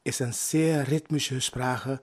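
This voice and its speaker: Lively man with loose German. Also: medium pitch, slow. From Aruba. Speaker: musician being interviewed. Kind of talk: casual interview talk.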